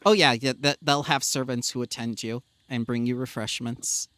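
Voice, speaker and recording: A man narrating as game master in a tabletop game, animated and full of hesitant fillers. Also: mid-range voice, moderate pace, dry recording.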